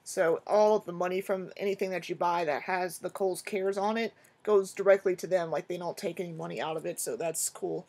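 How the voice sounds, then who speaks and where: A young woman chatting casually in a rambling, excitable way as she shows off her shopping haul to the camera. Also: fairly low pitch, fairly quick. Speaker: vlogger. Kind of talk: casual haul video chat.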